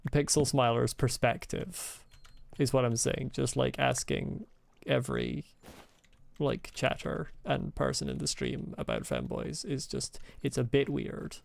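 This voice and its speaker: A Scottish man with a mild accent and an expressive mid-range voice, speaking at a measured pace with some vocal fry. He's chatting loosely on a gaming live stream, answering chat messages with rambling asides and chuckles.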